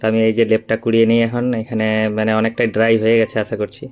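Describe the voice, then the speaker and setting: A man's voice: fairly low pitch, completely flat delivery, quick pace, a little mellow, clear, resonant tone, faint music behind. A man, narrating his household chores in a chatty home vlog. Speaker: family vlogger. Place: home and rooftop.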